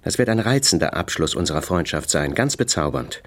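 A man's voice: very deep voice, big pitch swings, brisk, fairly bright tone, heavily acted. A man reading a novel aloud, voicing a proud, wounded upper-class wife who answers with indignant sarcasm. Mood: bitter. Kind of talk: audiobook character voice.

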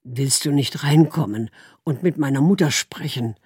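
A woman voicing a poor young fisherman who speaks quietly and helplessly after lying to his wife. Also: rumbling low, normal speed, husky, dry recording, studio quality, exaggerated voice.

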